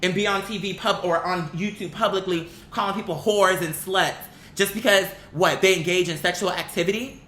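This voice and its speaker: Speaking at a moderate pace with hardly any pauses, a woman with a fairly low, fairly bright voice offers blunt online commentary. She's exasperated and emphatic, swears liberally, and argues through rhetorical questions, in an echoey space with faint noise.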